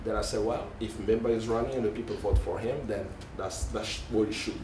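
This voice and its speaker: This man's voice is on the low side with fairly even intonation, and he talks a little fast as a conference panelist. Searching and self-correcting, he frequently says um and uh, recorded from afar in a roomy hall with faint noise.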